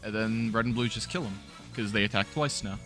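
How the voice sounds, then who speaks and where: A young man giving casual, animated let's-play commentary, laughing and swearing often while playing. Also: lowish voice, fairly quick, soft background music. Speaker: gaming YouTuber. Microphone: new studio mic.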